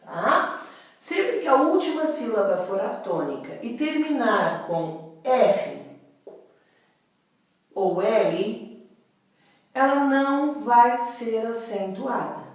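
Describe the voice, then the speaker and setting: Woman teacher, Brazilian accent, slow and patient, a bit high, heavy echo, far from the mic. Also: animated. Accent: Brazilian Portuguese. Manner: patient, checks in with the class often. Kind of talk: classroom grammar lesson. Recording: very echoey room, voice from a distance.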